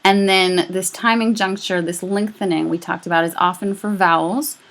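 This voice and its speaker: A woman's voice: lowish voice, fairly even intonation, normal speed, a bit bright. A woman teaching a recorded lecture, explaining step by step and saying sample sounds aloud to show them. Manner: patient, explanatory, demonstrates speech sounds aloud. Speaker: instructor.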